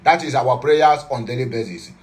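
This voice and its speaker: A man with a Nigerian accent and a mid-range voice hosts casual news commentary from his home studio at a moderate pace. He's playful, switching between English, Pidgin and Igbo.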